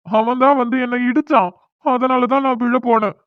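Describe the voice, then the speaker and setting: A woman's voice: on the high side, steady tone, normal speed, no room sound, close to an everyday voice. Woman voicing a whiny young man. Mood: upset. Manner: complaining, self-pitying, pleading. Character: young man, newly and unwillingly married, whiny. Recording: dry, tinny phone-like audio.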